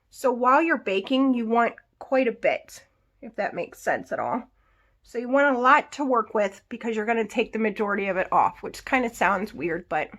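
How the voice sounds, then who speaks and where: In a casual get-ready-with-me makeup tutorial, a beauty vlogger walks through each step and tosses in small asides. Her voice is fairly high with a fairly bright tone.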